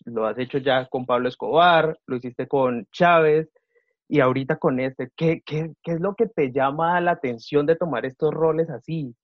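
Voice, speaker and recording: A man's voice: on the high side, no room sound. Male host, question-asker, brief affirmations, dull dry recording. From Colombia. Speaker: interviewer. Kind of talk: interview questions.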